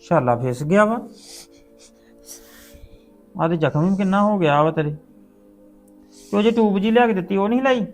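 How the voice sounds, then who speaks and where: A man playing a caring widowed father who talks to his daughter in a gentle, coaxing way in a web series drama. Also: high-pitched, lively intonation, normal speed, long pauses, soft background music.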